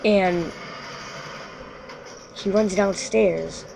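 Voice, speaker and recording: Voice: mid-range voice, fairly even intonation, very slow, gravelly, background noise. A show host casually telling a creepy story live, rambling and often stopping mid-sentence to correct themselves. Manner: rambling, frequently corrects itself.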